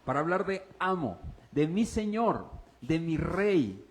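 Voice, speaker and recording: Male pastor with a high voice, preaching a sermon that swings between hushed and fired-up, speaking directly to the congregation. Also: slow pace. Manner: swings between hushed low passages and raised, excited preaching; exclaims and addresses the congregation directly.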